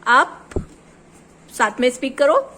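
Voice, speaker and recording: High-pitched lady teaching a little kid at home, slow and patient, says the same words over and over, mixes in english. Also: sing-song, sharp tone, a little hiss or hum. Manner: patient, repetitive drilling of word pairs. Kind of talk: home lesson with a small child.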